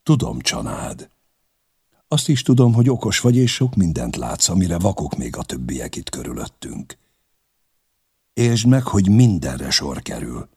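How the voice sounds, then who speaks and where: A man doing a stern, deliberate young king. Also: low-pitched, sing-song, darkish tone, breathy edge, exaggerated voice. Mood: grave. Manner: grave, commanding, deliberate.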